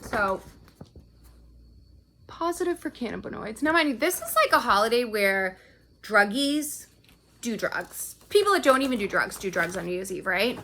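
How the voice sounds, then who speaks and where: Bright-voiced woman ranting angrily. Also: on the high side, expressive, moderate pace, pauses often, a little hiss or hum. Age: adult parent. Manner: heated, profane, repeats "right?" often. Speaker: vlogger recounting a custody fight. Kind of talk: angry personal rant to camera.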